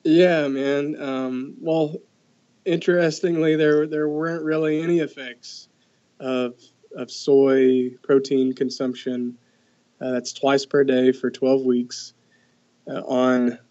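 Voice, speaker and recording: With a mid-range, slightly mellow voice, this young researcher appears as a guest and talks through his findings conversationally. He stumbles along with lots of fillers like "um" and frequent restarts, and the sound quality is lo-fi.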